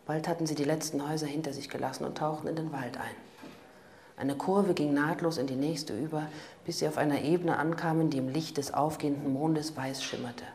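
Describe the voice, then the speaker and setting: A woman narrating a crime audiobook in a calm, even manner. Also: low voice. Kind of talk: scripted narration.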